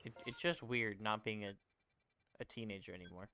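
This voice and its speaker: On the low side and fairly quick, this 20-year-old's voice sounds pushed and bright as he chats through a game stream. He rambles, corrects himself, and takes viewer questions while playing. There's a little hiss or hum in the audio.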